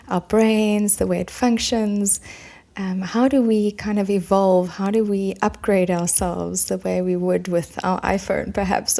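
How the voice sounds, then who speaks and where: Gravelly, mellow-voiced woman podcast host. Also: medium pitch. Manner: upbeat, welcoming, rhetorical questions. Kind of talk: podcast intro and interviewing.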